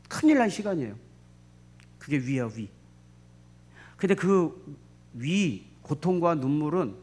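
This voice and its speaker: A middle-aged man preaching with a high voice that swoops up and down. He is emphatic and keeps repeating key phrases. He keeps asking the congregation rhetorical questions. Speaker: pastor. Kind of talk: sermon.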